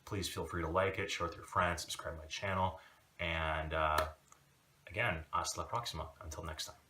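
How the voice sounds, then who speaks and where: A man giving a casual video lesson, talking in a relaxed, rambling way with many fillers. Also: deep voice, moderate pace, far from the mic, noisy background. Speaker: language teacher.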